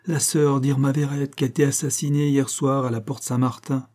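A man's voice: mid-range voice, little pitch movement, normal speed, a little mellow, voice pushed up, lightly acted. A man voicing a small, sweet-voiced young woman who speaks earnestly and with emphasis in an audiobook. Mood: pleading insistent.

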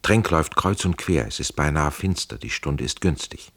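A man's voice: rumbling low, lively intonation, moderate pace, fairly bright tone, breathy edge, no room sound. A man narrating an audiobook in a dramatic, vivid storytelling manner, close to a studio mic.

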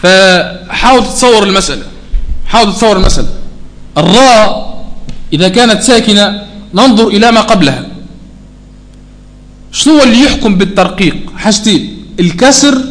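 A man teaching a tajweed lesson, explaining rules in plain talk and stopping often to ask whether it is clear, with examples slowly chanted in recitation. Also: high voice, lively intonation, a bit bright.

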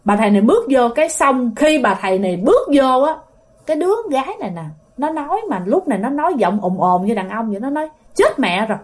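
A woman's voice: sits high, sing-song, fast. Chatty Southern Vietnamese woman telling ghost stories. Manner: chatty, addresses listeners directly. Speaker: storyteller. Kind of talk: ghost story narration.

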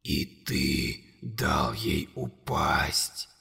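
A man voicing a huge, relentless monster in an audiobook, speaking in a low, slow, menacing whisper. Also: steady tone, vocal fry, pushed and bright, husky, long reverb tail, soft background music, exaggerated voice.

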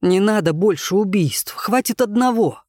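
A man's voice: sits high, expressive, moderate pace, darkish tone, dry recording, pitched above the performer's own voice. Man reading as an earnest young man, careful explaining tone, dry close mic, storybook audiobook. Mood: shaken.

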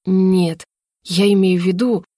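A woman voicing a reserved, stubborn young male shaman who speaks slowly, low and soft. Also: fairly even intonation, no room sound, studio quality, natural voice. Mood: earnest, halting. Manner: slow, low and soft-spoken.

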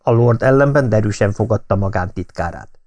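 A man reading an audiobook novel in calm, measured narration. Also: lowish voice. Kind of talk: scripted narration.

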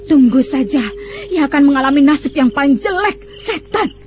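Spiteful young royal concubine, high-pitched, proud and biting, theatrical radio drama, muffled, music behind. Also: female voice, expressive, normal speed, noisy background. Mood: aggrieved, vindictive. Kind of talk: melodramatic radio drama acting.

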